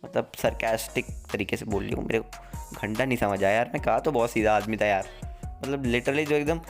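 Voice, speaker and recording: A man's voice: lowish voice, brisk, faint music behind. A man casually telling a story from his school days to his channel's viewers, chatty and mixing in slang and English words. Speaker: vlogger.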